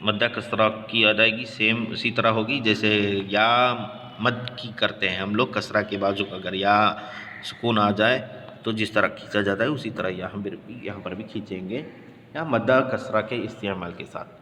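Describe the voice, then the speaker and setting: A man's voice: fairly low pitch, fairly even intonation, sharp tone, slight background noise. Man chanting letter drills in a reverberant space. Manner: spells letters and vowels in a slow sung chant, then explains quickly. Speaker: Quran recitation teacher. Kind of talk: tajweed lesson with chanted spelling drills.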